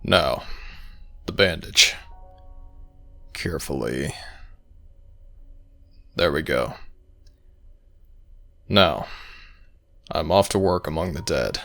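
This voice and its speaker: In an intimate ASMR audio roleplay, a man plays an ancient god of the dead, delivering a slow, dramatic monologue with gentle concern and calling the listener "child." His extremely deep, gravelly voice has a forceful edge, and his formal, measured, archaic phrasing sounds gruff yet protective. The performance is expressive and heavily acted, with faint music behind it.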